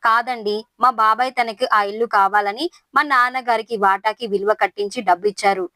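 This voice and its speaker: A woman's voice: on the high side, fairly even intonation, a little fast, bright, forceful tone, dry recording. Woman voicing a polite, matter-of-fact young woman, dry. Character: frank, polite young woman, newly married.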